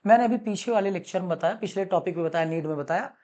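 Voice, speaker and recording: A man teaching commerce in a classroom lecture, animated and coaxing, calling students son and checking that they have understood. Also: high voice, fast. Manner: calls students son, mixes English terms into Hindi.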